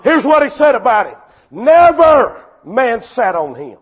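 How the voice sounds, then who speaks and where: High-voiced shouting male preacher. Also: sing-song, a little slow, dull audio. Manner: impassioned, often shouting, repetitive preaching cadence. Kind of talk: sermon.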